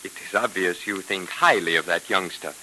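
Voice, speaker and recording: An actor playing a fawning, formal Egyptian man in 1940s radio drama style, with slow, ornate, obsequious speech. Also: sits low, bright, forceful tone, slight background noise, low-quality recording. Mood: sly.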